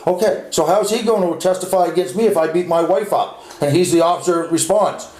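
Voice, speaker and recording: A man being interviewed argues bluntly and insistently in a casual, opinionated debate, swearing and repeating himself to drive his point home. His voice is high and darkish, his delivery a little fast, and the recording is echoey with clearly audible background noise.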